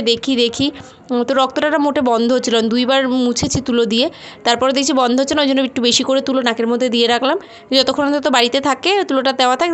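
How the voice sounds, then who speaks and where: In a bright voice that sits high, a mother who vlogs about home life narrates her hectic day for viewers. The casual voice-over is chatty and rambling, describing her daily routine.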